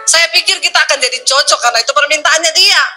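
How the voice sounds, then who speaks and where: A woman pastor with a Sulawesi accent preaches in a humorous storytelling sermon. Her voice sits high and sounds very bright and forceful. She delivers it animated and dramatic, with big pitch swings for comedy. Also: fast, faint music behind, rough recording. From Sulawesi, Indonesia.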